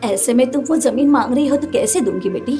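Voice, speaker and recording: A gentle old grandmother, voiced by a woman, speaks softly and wearily. Music plays behind the dubbed scene. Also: sits high, brisk, close to an everyday voice. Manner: soft, pleading, gentle. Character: older grandmother, gentle and weary. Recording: music playing under dialogue.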